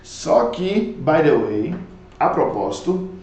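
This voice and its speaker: A man's voice: on the high side, slow. Chatty Brazilian man teaching in an echoey room. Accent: Brazilian Portuguese. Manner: lively, chatty explanations with frequent "tá bom?" check-ins. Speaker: English teacher. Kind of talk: recorded online lesson.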